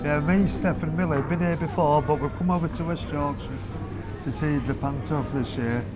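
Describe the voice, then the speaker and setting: A man with a fairly high pitch talks briskly. He hosts a family vlog, filming with a handheld camera as he leads a loose, chatty walking tour inside a theatre's foyer and private box.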